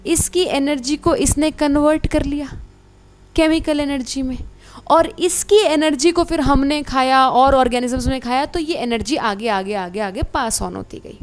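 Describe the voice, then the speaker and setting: High-voiced woman teaching biology. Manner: animated, addresses students as beta, asks checking questions. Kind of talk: online exam-prep lecture.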